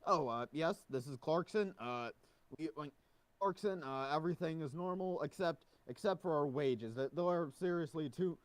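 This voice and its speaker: A man voicing a male guard on a radio intercom who hesitantly complains about low wages, with many fillers. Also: moderate pace, no room sound, natural voice. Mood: grumbling. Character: grumbling male guard demanding a union.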